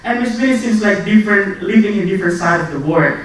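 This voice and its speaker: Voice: medium pitch, lively intonation, fast, slight background noise. A graduate student from Indonesia giving a scripted English presentation, reading in a persuasive presenting tone. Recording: echoey hall from far off.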